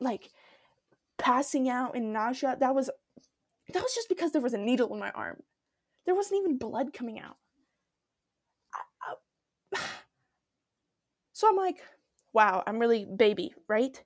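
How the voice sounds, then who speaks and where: A young woman hosting her own podcast, telling a dramatic story in a chatty, animated way while sick with strep throat. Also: high-pitched, dry recording, clean studio sound. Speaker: podcast host. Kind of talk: casual solo storytelling.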